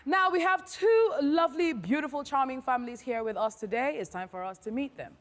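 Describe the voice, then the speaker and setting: A woman's voice: high voice, brisk. A woman with a Nigerian accent presenting a game show to a studio audience, projecting with an exuberant, teasing manner. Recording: reverberant studio hall, crowd noise. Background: studio audience and noise.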